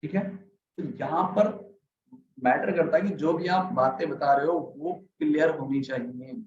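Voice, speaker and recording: A man with a slightly high voice gives a casual, chatty lesson on communication skills, often asking his listeners "right?" He acts out his examples by speeding up, slowing down, and getting louder. The audio is roomy and dull, with slight background noise.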